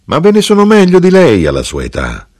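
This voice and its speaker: A man's voice: fairly low pitch, animated, normal speed, darkish tone, no echo, studio quality, voice pushed up, natural voice. A man reading an audiobook and voicing a proud, insistent mother of fifty who teases and boasts. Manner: insistent, teasing, self-satisfied. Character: proud, bossy middle-aged mother, fifty.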